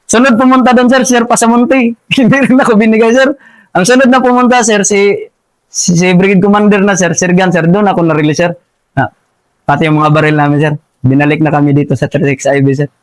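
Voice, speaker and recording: A soldier telling his story haltingly, ending nearly every phrase with "sir". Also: sits high, steady tone, no room sound, rough recording. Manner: halting, with many restarts and repeated words. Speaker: army sergeant recounting his past as a rebel. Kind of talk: casual spoken testimony.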